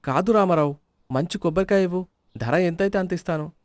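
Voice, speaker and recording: A man lightly acts the part of a stingy middle-aged village man in a storybook tale, whiny, rueful and counting every rupee. His voice is high and a little fast, with no room sound.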